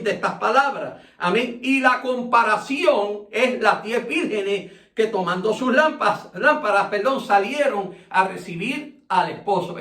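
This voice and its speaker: A man's voice: high voice, bright, forceful tone. A man teaching a Bible study as a pastor, dropping "amén" after nearly every phrase and drawing out key words. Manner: repeats "amén" constantly, stretches key words. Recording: echoey room, distant from mic.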